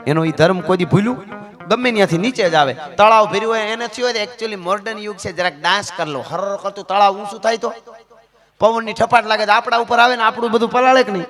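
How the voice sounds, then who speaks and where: Dramatic storyteller. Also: male voice, high-pitched, a bit bright. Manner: dramatic, addresses audience as friends. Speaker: folk storyteller. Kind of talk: live folk storytelling with humor. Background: stringed instrument music.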